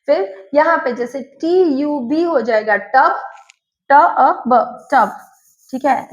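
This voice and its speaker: High-voiced Indian woman teaching phonics slowly. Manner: slow, careful drilling of word pairs. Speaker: English teacher. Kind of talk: phonics lesson. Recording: echoey room, slightly dull.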